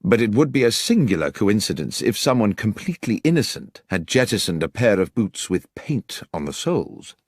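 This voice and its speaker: A man voicing an earnest, puzzled gentleman doctor in a mystery audiobook, polite and questioning. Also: lowish voice, big pitch swings, normal speed, few pauses, slightly rough, no room sound, clean studio sound.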